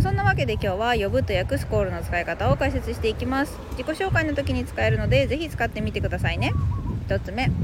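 A woman hosts a podcast lesson on English phrases, explaining in a conversational way and addressing listeners directly; Japanese is her native language. Her voice is on the high side, and background noise can be heard.

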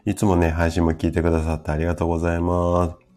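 A man in his fifties with a rough, hoarse voice, chatting casually as host of a live stream and explaining things to his listeners. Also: low-pitched, completely flat delivery, fast talker, a little mellow. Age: 50s. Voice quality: gravelly, rough voice from drinking the night before.

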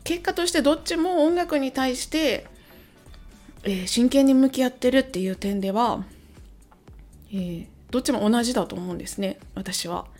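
A woman's voice: on the high side, normal speed, a little mellow, soft background music. A hungover woman in a casual solo chat to her listeners, talking as a host in a hesitant, rambling way as she thinks aloud. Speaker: host, amateur-facing musician and songwriter.

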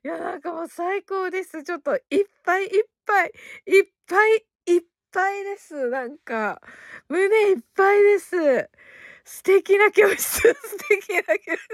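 Bubbly high-voiced woman host, dry close mic. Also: no room sound. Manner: laughs often, reads out listener comments, bubbly. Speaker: host of a live audio broadcast. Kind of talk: casual live-stream chat.

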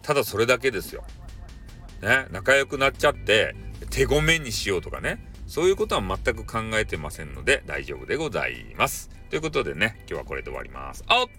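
A man's voice: lowish voice, sing-song, quick pace, sharp tone, soft background music. A man with a Kyushu Japanese accent rambling casually on a solo show, in a playful mix of mock-polite phrasing and dialect, recorded at some distance from the mic.

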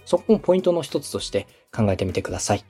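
With a very animated, fast, mellow and husky mid-range voice, a man offers courteous, encouraging advice that explains as it goes. He is a podcast host, coach and radio director from Osaka, Japan, talking in a podcast dialogue over faint music.

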